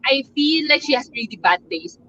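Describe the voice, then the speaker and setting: A woman's voice: high voice, lively intonation, moderate pace, sharp tone. A woman chatting casually as a member of a book club. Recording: dull lo-fi audio, faint background noise.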